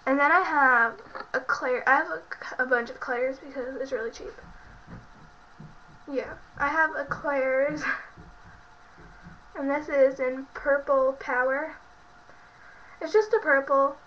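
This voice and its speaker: Here a sick-sounding, congested young beauty vlogger rambles through a casual product show-and-tell in her bedroom, using plenty of fillers. Her high-pitched voice stays steady and slow, broken by long pauses. Muffled lo-fi audio from her built-in webcam mic carries slight background noise.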